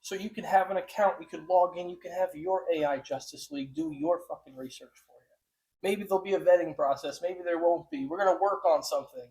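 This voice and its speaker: A man's voice: on the high side, a little mellow, poor audio. A man hosting a podcast in a casual, rambling way, ranting and swearing freely. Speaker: podcast host.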